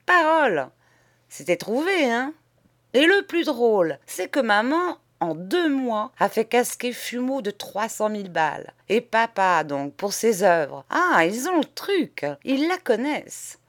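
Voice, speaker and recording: A woman's voice: on the high side, big pitch swings, takes it slowly, full character voice. A woman voicing a cynical, spoiled young Parisian man with a drawling Paris accent, mocking and gleeful, in an audiobook. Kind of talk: audiobook character voice.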